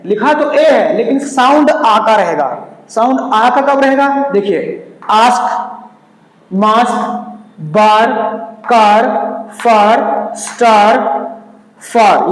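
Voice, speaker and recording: Male teacher, very high-pitched, patient and repetitive with examples, recorded in a reverberant room. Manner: patient, repeats examples slowly word by word. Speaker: English teacher. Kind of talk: whiteboard phonics lesson. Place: classroom at a board. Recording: echoey room with long reverb.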